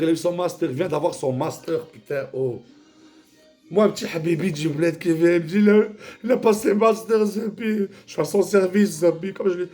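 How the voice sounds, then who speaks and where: A man rambling in a casual, vulgar monologue, jumping between mumbles and shouts. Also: high-pitched.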